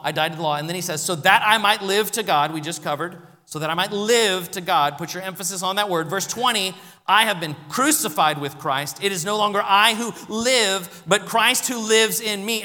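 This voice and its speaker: Man preaching in an echoing hall. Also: sits high. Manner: earnest preaching that swings from loud emphasis to hushed appeals. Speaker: pastor. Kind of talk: sermon.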